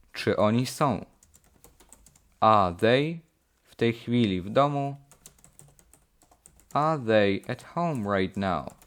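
Slow, deliberate man teaching English. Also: on the low side. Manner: repeats phrases slowly and deliberately. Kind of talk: slow language lesson drills.

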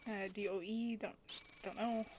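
A woman's voice: mid-range voice, fairly even intonation, normal speed, background noise. A woman giving casual, flustered running commentary on her gameplay as she plays. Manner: flustered, self-talking, giggly. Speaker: gameplay streamer.

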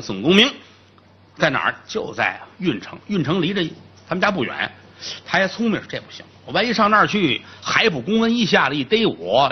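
A man's voice: medium pitch, husky, lo-fi sound. A man telling a classic tale as a traditional comic storyteller, colloquial and full of comic asides.

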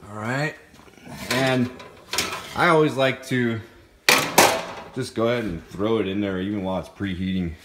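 Holding his phone at arm's length in his kitchen, a fitness vlogger in his thirties with a fairly low voice talks casually to the camera, explaining things step by step in a plain-spoken, informal way. He speaks at normal speed with frequent pauses, and the recording is very noisy.

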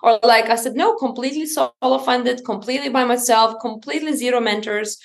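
Woman from Lithuania, thirties, fairly high voice, earnest and energetic, video-call audio. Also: brisk. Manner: energetic, earnest, non-native grammar. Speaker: guest, company founder. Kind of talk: casual interview talk. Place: indoor room at home.

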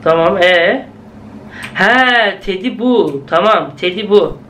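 A high-pitched young man narrates a game as he plays, chatty and jumpy, often calling out to his viewers. Faint room noise sits behind his voice. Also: animated, slow, sharp tone. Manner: chatty, jumpy, exclaims at scares, talks to viewers. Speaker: gaming video host. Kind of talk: casual let's-play commentary.

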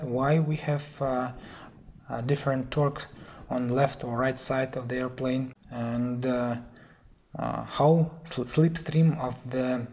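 Creaky, thick-throated man with foreign accent. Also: mid-range voice, a little mellow. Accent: foreign, non-native English. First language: not English. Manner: halting, hesitant delivery with many fillers. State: sore throat. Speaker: flight theory instructor. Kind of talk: slide lecture explanation. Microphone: voice-over on slides. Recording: noticeable background noise.

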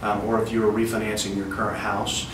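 A man's voice: on the low side, fairly quick. A man in his thirties, a bank loan officer, talks casually to the camera in an office, with many fillers, recorded by a camera mic a few feet away. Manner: relaxed, conversational, with frequent "um" fillers. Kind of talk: casual to-camera product pitch. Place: indoor office in front of a wall poster. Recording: roomy office sound, slightly distant mic, faint room hiss.

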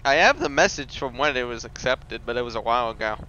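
A man's voice: medium pitch, expressive, fast, pushed and bright. A man in character as a sheriff's deputy in a game roleplay, bantering and teasing. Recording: dull lo-fi mic with faint noise.

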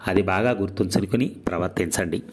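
A man's voice: low-pitched, fairly quick, slightly rough. A man reading aloud voices a solemn elderly grandfather who heads the family. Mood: grave. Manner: solemn, grave.

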